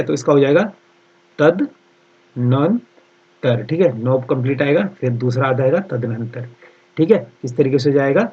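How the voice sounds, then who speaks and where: A man leads an online exam-prep class with a slightly high, husky voice. He poses each question, then drills the answer, repeating it slowly and checking in with "theek hai" after nearly every phrase. The recording is dull and lo-fi. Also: a little mellow. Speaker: exam-prep Hindi teacher.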